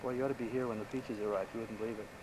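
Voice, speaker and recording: A man's voice: lowish voice, fairly even intonation, background noise. A man casually telling stories while showing a visitor around an outdoor property, recorded on an old VHS home video tape. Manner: easygoing, chatty, quick talker. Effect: old VHS home video tape sound. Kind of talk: casual rambling storytelling. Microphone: camcorder microphone.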